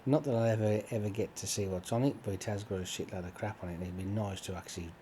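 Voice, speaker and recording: A man with a fairly low voice rambles in a relaxed way while he plays, full of ums and offhand swearing. A steady noise hums under his talk throughout the recording. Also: fast. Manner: meandering, swears casually, many fillers. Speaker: gaming channel host. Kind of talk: rambling chat over gameplay.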